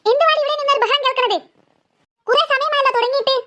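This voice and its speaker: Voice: extremely high pitch, fast talker, pushed and bright. A performer voicing an impatient mother who scolds and threatens her daughter. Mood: scolding. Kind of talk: cartoon voice acting.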